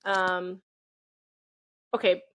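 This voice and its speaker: A woman's voice: lowish voice, little pitch movement, very slow, background noise. A woman in her twenties co-hosting a podcast, easygoing, often answering with "mm-hmm" and "sure.". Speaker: podcast co-host. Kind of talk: casual chat.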